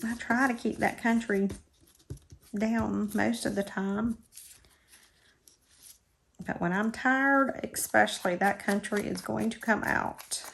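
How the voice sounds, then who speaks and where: Her voice is medium in pitch, steady, gravelly and fairly bright, moving slowly with long pauses over slight background noise. She's a middle-aged Floridian crafting channel host with a South Georgia drawl, rambling self-deprecatingly in casual chat while crafting at her table.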